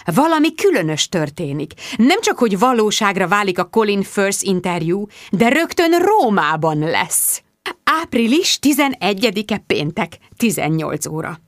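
A woman narrating a comic first-person diary audiobook in a lively, self-mocking way. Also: mid-range voice, dry recording, clean studio sound.

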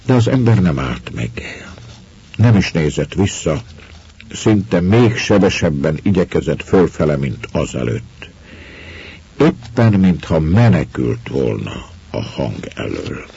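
A man reading a story aloud as narrator, in a measured storytelling way. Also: extremely low pitch, very animated, creaky, warm tone, husky, lo-fi sound. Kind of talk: audiobook reading.

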